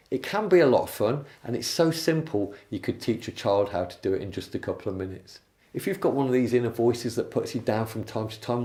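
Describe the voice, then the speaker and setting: A man coaching, explaining a technique calmly with examples and stories. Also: mid-range voice. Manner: calm, explanatory, uses anecdotes. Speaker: NLP coach. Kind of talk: instructional talk.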